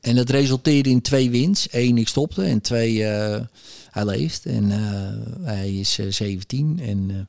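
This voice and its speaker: A man in his forties tells candidly of his past addiction, halting and full of fillers. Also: medium pitch, gravelly, a little mellow, dry recording, clean studio sound. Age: 40s. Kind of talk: personal story about recovering from addiction.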